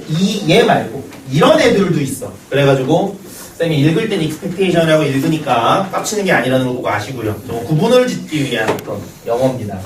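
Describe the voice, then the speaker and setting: Male math teacher, slightly high, animated, banters with students, distant roomy sound. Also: slight background noise. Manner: joking banter with students, storytelling. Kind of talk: classroom lecture. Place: classroom. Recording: roomy classroom echo, distant mic.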